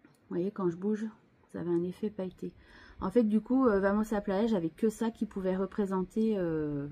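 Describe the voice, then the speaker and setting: A woman's voice: mid-range voice, normal speed, dark tone. A woman hosting her scrapbooking channel, chatting casually as she shows her craft pages, hesitant and full of restarts, with chatty asides to viewers.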